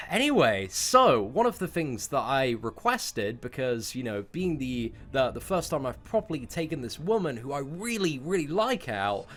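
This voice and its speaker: Speaking in a slightly high, fairly bright voice, a male YouTuber in his twenties shares a personal story with his audience. He's informal and sweary, wandering off on tangents and doubling up words to stress them.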